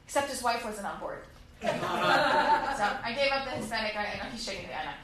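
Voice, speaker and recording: Stand-up comic, woman, 30s, high bright voice, very echoey club room. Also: a little fast, distant mic. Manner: animated, acts out characters in quotes. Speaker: stand-up comedian. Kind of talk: stand-up comedy set. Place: comedy club stage. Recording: very echoey room, faint crowd noise.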